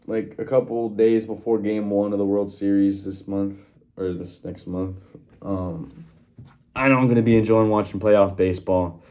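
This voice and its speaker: A young man with a lowish, warm, mellow voice talks casually into his phone in a small workroom. He wanders through his points with frequent fillers and restarts, and the sound has the plain quality of a phone recording. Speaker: channel host giving sports predictions. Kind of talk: casual one-take vlog talk.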